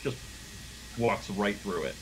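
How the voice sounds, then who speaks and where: A man's voice: lowish voice, expressive, slow, slight background noise, rough recording. A young man narrating as game master, rambling and full of fillers.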